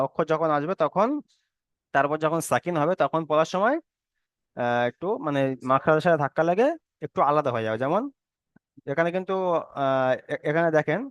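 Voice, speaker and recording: A man leads an online Quran reading lesson, patient and repetitive, sounding each letter out slowly. His voice is smooth and clear, a touch higher than most men's. The sound is dry and close, with no room around it. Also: a bit bright, no echo, muffled recording. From Bengal. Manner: often checks in with listeners.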